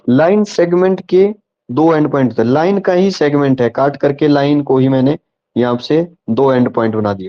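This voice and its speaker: An online tutor, a man with a medium-pitched voice, runs a live class over dull-sounding audio. He patiently goes over points more than once and checks whether his students are following.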